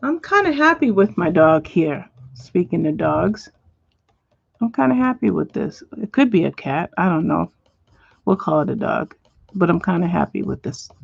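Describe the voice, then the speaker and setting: A woman hosting a home livestream as she colors. She chats with viewers and answers them by name, and now and then she drops to a soft whisper. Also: fairly low pitch, very animated, moderate pace, vocal fry, breathy edge, dry recording, highs cut off. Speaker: livestream host. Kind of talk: casual chat while coloring, reading viewer comments. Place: at home, indoors.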